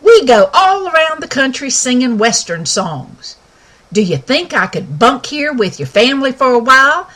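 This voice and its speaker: A woman's voice: sits high, big pitch swings, normal speed, a bit bright, voice pushed up, exaggerated voice. A woman voicing a folksy young male cowboy pony in a storybook, with a drawling western manner of talk. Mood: friendly.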